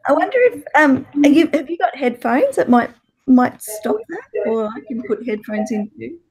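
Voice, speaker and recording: A woman's voice: high-pitched, big pitch swings, normal speed, darkish tone. A woman hosting a live stream, chatting casually on an online call. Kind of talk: casual chat. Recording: echoey, dull online call with feedback.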